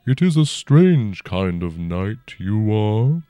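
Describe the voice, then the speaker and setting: A man voicing a huge, very old and noble dragon who speaks slowly and formally with a rumbling tone. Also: big pitch swings, mellow, no room sound. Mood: stately, probing. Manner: slow, stately and formal, old-fashioned speech. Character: ancient noble dragon, huge, calm and probing.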